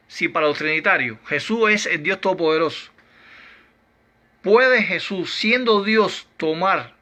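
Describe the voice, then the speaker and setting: Man, Bible teacher, rhetorical questions, slow emphatic delivery, slightly high voice. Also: bright, forceful tone. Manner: argues through numbered rhetorical questions. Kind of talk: doctrinal Bible lesson.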